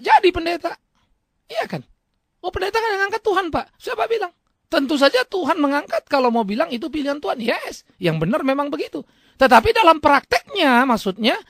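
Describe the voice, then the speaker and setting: A male pastor preaches in a casual, talky manner, tossing out rhetorical questions and answering them. His voice sits high and swings widely up and down. The sound is close and dry, with no room echo. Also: fairly bright tone. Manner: colloquial, rhetorical questions, plays both sides of imagined exchanges. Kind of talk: sermon.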